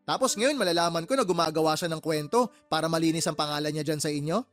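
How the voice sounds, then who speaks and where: In a Tagalog radio drama, a man with a high-ish voice plays an angry, fed-up uncle and boss, scolding his sister with heated, sarcastic questions. He speaks quickly and acts it lightly, with faint music behind.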